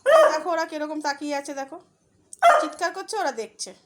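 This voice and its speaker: A woman at home filming her dog, coaxing and soothing it with gentle baby talk. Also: high voice, fast talker, very noisy. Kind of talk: casual home vlog. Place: home, indoors. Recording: loud dog barking behind her.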